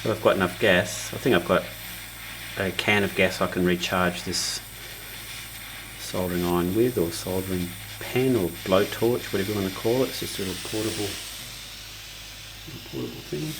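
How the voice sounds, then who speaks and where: Low-voiced Australian man narrating car work. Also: moderate pace, creaky, noisy background. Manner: relaxed, thinking aloud while working. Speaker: DIY car vlogger. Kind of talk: casual how-to narration. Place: at a car's engine bay, working on it.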